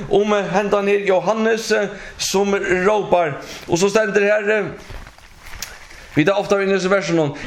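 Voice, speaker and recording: A man preaching a sermon and reading scripture, halting with many fillers and drawing call-and-response from listeners. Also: high-pitched. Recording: echoey room.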